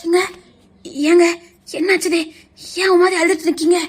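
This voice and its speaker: A woman's voice: very high voice, flat delivery, moderate pace. Woman doing anxious loving village wife. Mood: worried. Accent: Tirunelveli Tamil. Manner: pleading questions, tearful.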